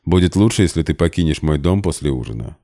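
Audiobook figure: wealthy man, cold and measured, deep and dark in tone, done by the male reader. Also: animated. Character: cold, weary wealthy man, dry and curt.

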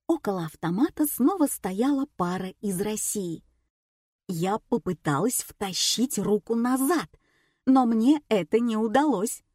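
A woman narrating an audiobook in a lively, ironic first-person voice. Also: fairly high pitch, measured pace, dry recording, clean studio sound.

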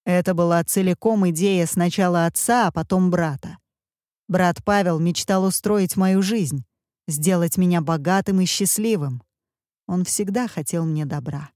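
A woman's voice: lowish voice, measured pace, darkish tone, no echo, clean studio sound, lightly acted. A woman reading an audiobook, voicing a handsome young male villain who snarls in desperate, anguished outbursts.

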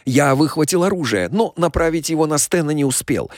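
Expressive male crime-novel narrator. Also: on the high side, brisk, no echo, clean studio sound. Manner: expressive, dramatic. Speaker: audiobook narrator. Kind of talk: first-person crime narration.

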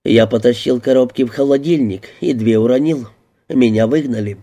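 A man's voice: medium pitch, moderate pace, mellow, lightly acted. A man voicing a nervous, unemployed young male suspect who pleads and denies under questioning. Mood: plaintive. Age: young adult. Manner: defensive, pleading.

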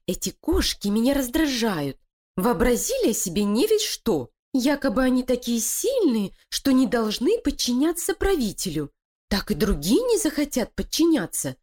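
Lady doing a sly scheming she-beast, high voice, cold and bossy, storybook villain. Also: a little mellow. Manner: cold, threatening, commanding. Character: scheming sly female animal plotter.

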